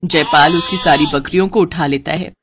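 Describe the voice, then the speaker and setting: A woman narrating a moral cartoon story in an expressive storytelling cadence. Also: sits low, moderate pace, noisy background.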